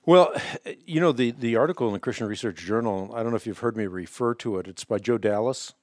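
A man hosting a religious call-in broadcast, speaking deliberately and emphatically with speech slightly impeded by a swollen, split lip. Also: lowish voice, no room sound, clean studio sound.

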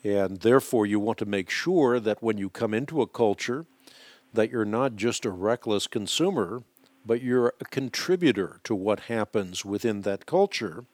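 With a lowish, darkish voice and lively intonation, a native Dutch speaker from the Netherlands answers callers on his radio show in a measured manner, hesitating frequently. The recording is dry.

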